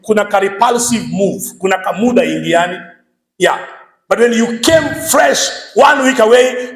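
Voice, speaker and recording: A man with a Kenyan accent preaching a lively sermon, switching between English and Swahili and shouting some points for emphasis. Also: sits high, echoey room, poor audio. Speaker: pastor.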